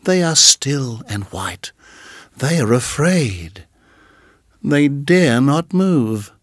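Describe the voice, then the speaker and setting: A man voicing a vengeful female king cobra in a storybook reading, menacing and drawn-out. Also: medium pitch, very animated, no echo, clean studio sound, full character voice.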